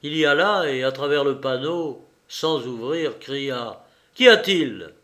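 A man narrating a novel as an audiobook in a measured, deliberate storytelling manner. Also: medium pitch, a bit bright.

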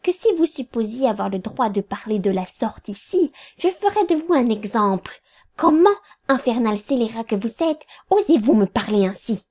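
A woman voicing a stern, curt middle-aged male lawyer who barks clipped rebukes in a raised, higher voice. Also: animated, normal speed. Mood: severe. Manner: clipped, commanding, sharp rebukes.

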